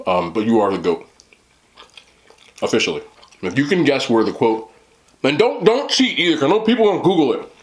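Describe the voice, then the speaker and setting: A man in his thirties hosts a mukbang, seated at a table in a small indoor room, rambling casually, joking in slang, and talking between bites as he eats. His mid-range voice is sing-song and a little fast, broken by long pauses.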